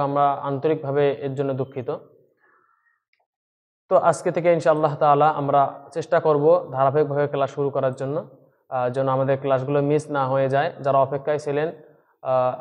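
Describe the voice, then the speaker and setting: A man teaching a Quran reading lesson online, explaining step by step and checking in with frequent questions, sounding out syllables slowly. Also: mid-range voice, darkish tone, big-room sound, highs cut off. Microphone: screen-share recording with voice-over.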